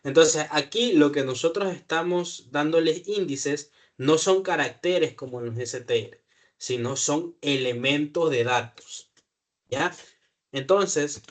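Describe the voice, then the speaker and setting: A man teaching a programming lesson one-on-one, patient and thinking aloud, checking often that his student follows. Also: medium pitch. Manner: patient, checks understanding with frequent "¿ya?"; self-correcting, thinks aloud with fillers. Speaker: programming tutor. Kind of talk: live one-on-one coding lesson.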